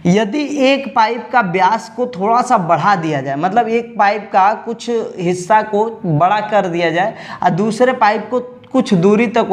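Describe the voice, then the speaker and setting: A man explaining, step by step, how to weld AC copper pipes, talking directly to his students as an instructor. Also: high-pitched. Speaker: AC repair instructor. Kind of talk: tutorial lesson.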